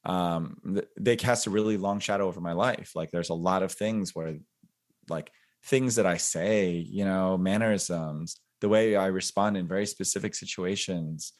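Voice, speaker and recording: Reflective man in his forties, low voice. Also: moderate pace. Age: 40s. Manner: reflective, filler-heavy, laughs at himself. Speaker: podcast guest. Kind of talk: casual interview conversation.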